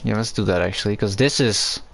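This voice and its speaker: A man's voice: on the low side, brisk, creaky, a bit bright. A man streaming a building game, chatting casually, rambling and swearing as he thinks aloud. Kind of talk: casual livestream gameplay chat.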